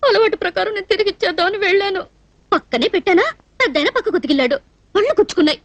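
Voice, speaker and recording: A sweet innocent young bride-hopeful. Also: female voice, extremely high pitch, animated, rapid-fire, no echo. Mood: chatty. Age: young adult. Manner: innocent, eager, easily tearful. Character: innocent young woman hoping to marry, sweet and emotional. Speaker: dubbing actress. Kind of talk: dubbed film comedy acting.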